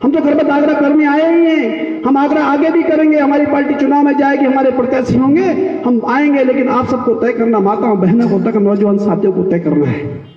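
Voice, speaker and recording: A man's voice: very high-pitched, steady tone, a little fast. A male politician giving a declamatory speech to villagers outdoors, with rhetorical questions and repeated phrases, through a PA system. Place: outdoor public gathering. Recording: echoey loudspeaker sound from far off, muffled.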